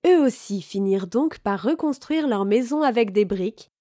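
A woman reading a children's fairy tale aloud in a calm, clear, measured way. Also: fairly high pitch, no room sound, clean studio sound. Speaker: storyteller.

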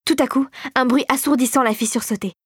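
Woman telling a storybook adventure, dramatic and expressive, kinda high voice. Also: fast, husky, dry recording, studio quality. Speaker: narrator. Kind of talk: scripted storybook narration.

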